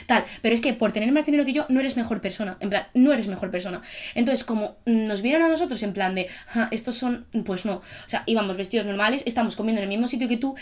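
A young woman from Spain with a Spanish accent talks at a rapid clip in a casual podcast conversation. She tells her stories animatedly, slipping into the voices of the people she quotes. Her pitch sits in an ordinary middle range. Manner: animated storytelling, acts out quotes. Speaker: podcast co-host. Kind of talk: casual chat.

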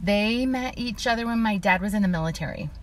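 A woman's voice: mid-range voice, a little fast. A middle-aged woman from Illinois, chatting as an interview guest, full of "like" fillers and laughing through her stories. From Illinois, USA. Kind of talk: casual conversational interview.

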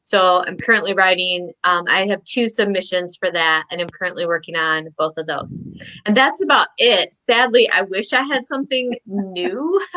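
The highs are cut off in this recording of a Michigan woman's bright, forceful, medium-pitched voice. Appearing as a guest author on a video call, she keeps the podcast chat casual, dotted with "um"s and small laughs.

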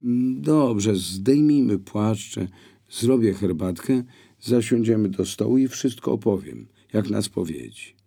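A man reading an audiobook, voicing a bold young woman who speaks lively and persuasively. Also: lowish voice, takes it slowly, vocal fry, breathy edge, voice pushed up, full character voice. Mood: eager.

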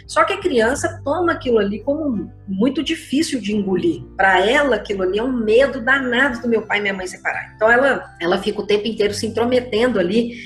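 A Brazilian woman speaks as a therapist answering a listener's question. Her talk is conversational and expressive, and she slips into the voices of the people she quotes. The room sounds echoey, with faint music behind her. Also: on the high side, fast talker, few pauses. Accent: Brazilian Portuguese. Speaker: systemic constellation therapist.

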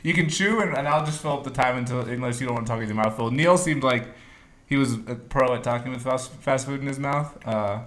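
A man's voice: mid-range voice, brisk, a bit bright. A man hosting a podcast taste test, with playful game-show patter and chuckles. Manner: jokey, announcer-style patter with chuckles. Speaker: podcast host running a blind taste test. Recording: roomy echo.

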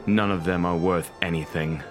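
A man playing a brooding, remorseful phantom in a radio drama, speaking slowly and mournfully. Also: low voice, steady tone, music in the background, natural voice. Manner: slow, mournful, melodramatic. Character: brooding, remorseful male phantom, gloomy and self-loathing.

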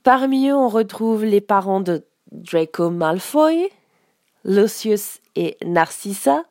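A woman giving a casual spoken lesson as a teacher, explaining slowly with frequent hesitations. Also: mid-range voice, expressive, a little mellow, dry recording, studio quality. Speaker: English teacher.

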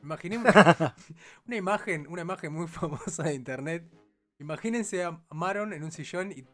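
A man with a Rioplatense accent co-hosting a casual podcast chat, talking in halting, chatty bursts. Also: on the high side, a bit bright, faint music behind. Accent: Rioplatense Spanish. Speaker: podcast co-host.

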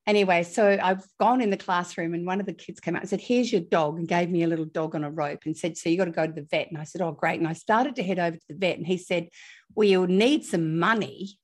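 A woman, a guest expert telling a lively classroom anecdote and acting out the children's lines. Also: lowish voice, fast. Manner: lively, acts out quoted voices. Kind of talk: casual anecdotal storytelling.

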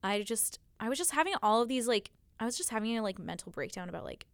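A woman's voice: on the high side, lively intonation, quick pace, no room sound. A young American woman hosting a podcast, chatting casually and informally with plenty of slang and "like". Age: young adult. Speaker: podcast host. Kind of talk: casual chat.

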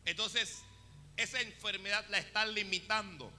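A male preacher delivers an animated sermon and talks straight to his congregation. His voice sits high and sounds very bright. It rings out in a church hall with a long echo, and faint music plays in the background. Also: moderate pace.

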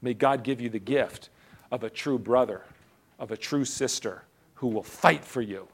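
A man preaching a sermon at a church service. He repeats his lines for emphasis and swings between loud urgency and hushed intensity. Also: mid-range voice, moderate pace. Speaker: pastor.

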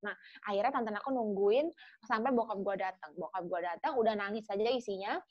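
A woman's voice: medium pitch, a little fast. A woman guest on a podcast, telling a personal story in casual chat and acting out the quoted dialogue. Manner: animated, acts out quoted dialogue. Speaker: podcast guest, cancer activist. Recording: dull lo-fi recording.

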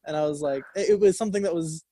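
Racing along in a slightly high, dark voice, a young man co-hosts a college radio show and chats informally about a record. His talk is full of fillers and restarts, captured dry on a studio mic in a radio studio.

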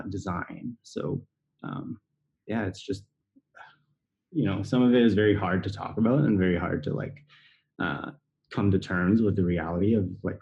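A man's voice: low-pitched, dark tone, dull audio. A man speaking hesitantly in a casual conversation, with many fillers as he asks the other person about her experience. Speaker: interviewer.

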